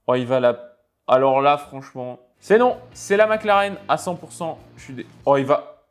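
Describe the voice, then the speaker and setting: A man giving casual, expressive commentary over racing game clips. He talks in halting bursts with many fillers and reacts aloud to the crashes. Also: medium pitch. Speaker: sim racing video creator.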